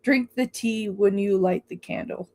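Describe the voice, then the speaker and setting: A woman's voice: mid-range voice, measured pace, darkish tone. A woman hosting a live tarot stream, chatting casually, greeting viewers by name and laughing often. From Oregon.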